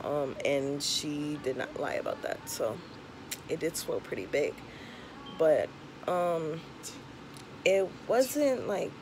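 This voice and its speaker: In a casual home-recorded vlog, a young adult woman with a low voice offers frank advice straight to camera, slightly lisping because of a tongue piercing. The camera or phone is at arm's length, and clear background noise comes through.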